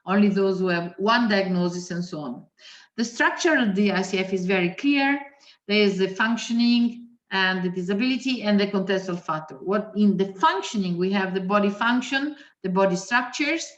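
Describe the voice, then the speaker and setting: A woman doctor, a native Italian speaker with an Italian accent, delivers a methodical webinar lecture, listing points with frequent hesitations. Her voice is medium-pitched and fairly bright. The audio is roomy, dull and lo-fi.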